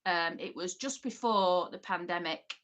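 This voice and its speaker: This Oldham livestream host chats casually through viewers' comments in a bright manner, though her voice sits lowish and moves a little slowly. She wanders off on tangents, filling her northern English chatter with ums and side remarks.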